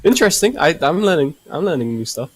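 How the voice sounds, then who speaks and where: Teasing young man, lively pitch. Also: quick pace, faint music behind. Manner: teasing, needling banter. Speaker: podcast co-host. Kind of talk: casual chat.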